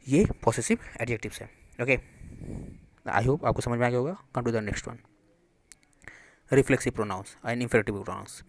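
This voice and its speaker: A man teaching English grammar in Hindi, asking and answering his own questions and reading English examples slowly with an Indian accent. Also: mid-range voice, no room sound. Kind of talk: classroom explanation.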